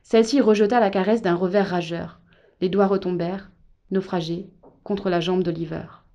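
A woman reads a novel aloud in a measured, gentle manner. Her voice is mellow and warm, and the recording sounds muffled and lo-fi. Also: on the low side, steady tone. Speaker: audiobook narrator. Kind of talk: scripted narration.

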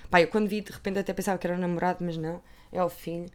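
Chatty European Portuguese woman, lowish voice. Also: fairly even intonation, racing, darkish tone. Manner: chatty, rambling, drops to a whisper at times. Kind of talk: casual gossip chat.

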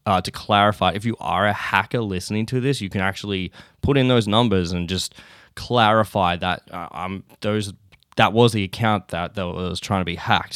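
A young Australian man talks through a loose, profanity-laced solo podcast episode, a bit drowsy from just waking up. His voice sits very low and comes through smooth and clear. The sound is close and dry, with no room around it. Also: a bit bright, no echo. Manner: rambling, swears often, laughs between thoughts. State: sleepy, just woken up. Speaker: podcast host. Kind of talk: casual solo podcast chat.

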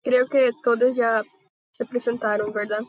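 21yo brazilian woman hosting, husky higher voice, dry muffled call audio. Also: little pitch movement, a little slow, dry recording. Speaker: host. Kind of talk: casual video-call panel.

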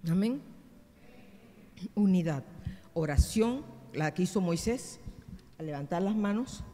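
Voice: mid-range voice, animated, slow pace, warm tone, long reverb tail. A preacher delivering a sermon, speaking directly and emphatically to the congregation as brothers and sisters.

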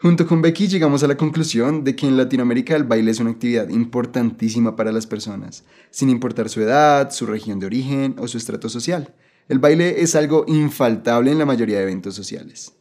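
A man's voice: medium pitch, fast, a little mellow. A man hosting a language-learning podcast, talking cheerfully and with enthusiasm, with an easy laugh. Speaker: podcast host and teacher. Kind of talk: scripted podcast narration.

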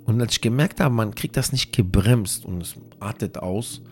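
A man's voice: on the low side, normal speed, faint music behind. A man hosting a religious audio series, giving earnest, repetitive advice in an informal way and mixing in Arabic religious phrases.

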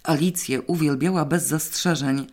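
A woman narrating a first-person audiobook in a wry, even storytelling manner. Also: low voice, moderate pace. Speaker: audiobook reader.

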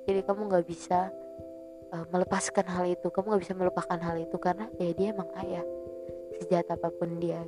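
A young woman talks gently and earnestly, as if comforting a listener. Her voice sits somewhat low, and she pauses and restarts often. Music plays clearly behind her. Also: little pitch movement. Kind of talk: casual heartfelt advice to a listener. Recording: music playing loudly behind.

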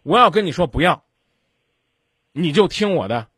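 Male advice host, blunt and lecturing, lively rising-falling delivery, slightly husky. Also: a little high, normal speed, no echo, clean studio sound. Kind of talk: call-in advice talk.

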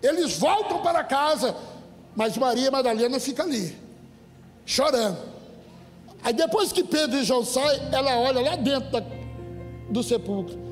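A Brazilian man preaching as a pastor, emphatic and often rising to shouts while speaking directly to his congregation. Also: very high voice, expressive, moderate pace, pauses often. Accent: Brazilian Portuguese. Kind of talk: sermon. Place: church. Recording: echoey hall with faint music.

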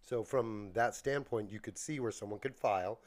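A man co-hosting a casual podcast, rambling through halting explanations while getting over a bronchial cough. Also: fairly low pitch. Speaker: podcast co-host.

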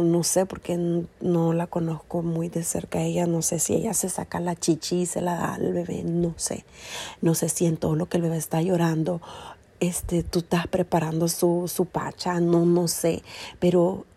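Indignant young mother with a gravelly voice. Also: lowish voice, fairly even intonation, a little slow, warm tone. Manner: earnest, indignant storytelling. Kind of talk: casual vlog monologue.

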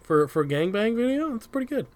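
A man's voice: high-pitched, sing-song, fast, a little mellow. A man co-hosting a casual podcast, easygoing and laughing often. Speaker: podcast co-host.

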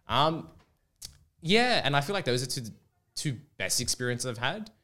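A man's voice: medium pitch, very animated, moderate pace, pushed and bright. A man, a teacher being interviewed, telling casual self-mocking stories with a joking manner.

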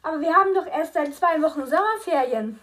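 A woman's voice: high-pitched, expressive, a little fast, a bit bright, pitched above the performer's own voice. A woman reading a fifteen-year-old girl's lines in an audiobook, protesting and incredulous. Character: teen girl, fifteen, defiant and pleading.

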